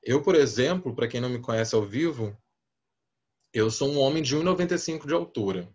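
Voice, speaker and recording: Brazilian man, mid-pitched spiritist speaker with a restrained deep voice, casual storytelling manner, dull lo-fi audio. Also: animated, a little fast, breathy edge. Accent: Brazilian Portuguese. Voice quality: deep booming voice held back to a gentler volume. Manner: conversational and anecdotal, acting out quoted exchanges. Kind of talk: talk to a spiritist audience.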